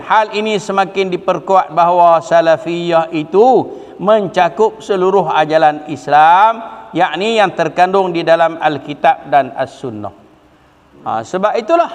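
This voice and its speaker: A man preaching a lively religious lesson, asking rhetorical questions and quoting Arabic scripture. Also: high voice, long reverb tail. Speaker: religious teacher. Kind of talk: sermon. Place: religious hall.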